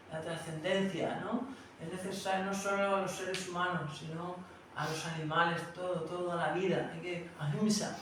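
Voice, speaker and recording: A man's voice: high-pitched, fairly bright tone, slight background noise. A man with a Spain Spanish accent tells a devotional story in a class, talking conversationally and often tagging his phrases with a questioning "no". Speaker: spiritual teacher. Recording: very echoey room, distant mic.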